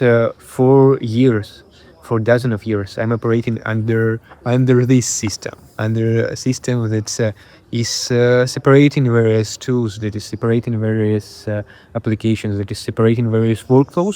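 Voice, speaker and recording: A video creator and host from Belarus speaks casually to the camera in a Belarusian accent. His mid-range voice is warm, and he pauses and repeats phrases while hunting for words.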